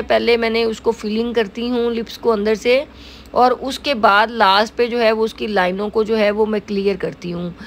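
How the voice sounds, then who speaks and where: In a casual makeup tutorial, a middle-aged Pakistani woman who runs a salon chats along with many fillers, "jo hai woh" among them, in an Urdu accent. Her voice is on the high side. A little hiss or hum is audible.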